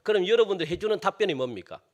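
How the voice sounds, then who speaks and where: A man preaching a sermon as pastor, animated and firing rhetorical questions at the congregation. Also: high-pitched, very fast.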